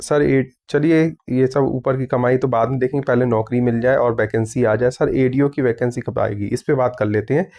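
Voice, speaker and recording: A man's voice: medium pitch, fairly even intonation, moderate pace, hardly any pauses, darkish tone. A young man who runs an exam news channel, answering viewer comments one after another in a casual, firm way. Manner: reads comments aloud and answers firmly, with many "theek hai".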